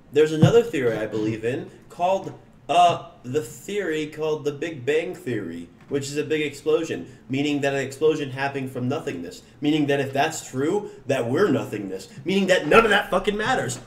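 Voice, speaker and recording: A man co-hosting a casual cannabis podcast, talking loudly, rambling and swearing, with the odd whoop. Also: a little high, lively intonation, normal speed, recorded from a distance. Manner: loud, profane, rambling, whoops. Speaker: podcast co-host. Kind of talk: casual chat. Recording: roomy, off-mic with faint noise.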